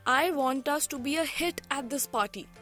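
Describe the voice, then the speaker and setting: A woman's voice: high voice, normal speed, fairly bright tone, faint music behind. A woman with a North Indian accent, co-hosting in scripted casual cooking dialogue and switching expressively between English and Hindi. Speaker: co-host of a cooking podcast.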